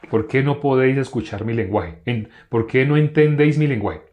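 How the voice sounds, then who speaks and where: A man's voice: medium pitch, a little mellow. Man teaching a Bible study. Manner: asks questions and answers them himself; reads verses aloud slowly.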